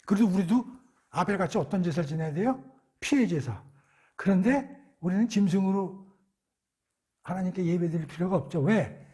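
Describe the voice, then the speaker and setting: Husky-voiced man teaching the Bible. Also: sits high, dark tone. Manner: asks rhetorical questions and answers them himself; conversational, acts out quotes. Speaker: Bible lecturer. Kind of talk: Bible study lecture.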